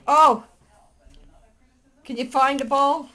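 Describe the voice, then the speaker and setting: Very high-pitched woman cooing to a pet. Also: slow pace, slight background noise. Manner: excitable, cooing, cheering baby talk. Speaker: pet owner filming her parrot. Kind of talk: playful talk to a pet bird. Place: small tiled bathroom.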